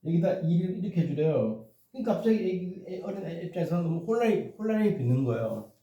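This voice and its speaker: Speaking fast in a high, dark-toned voice with lively intonation, a male math tutor explains things casually and rambles, repeatedly saying "이렇게" and "그죠?", checking in with listeners and teasing himself. The recording sounds echoey and dull, with the mic far away.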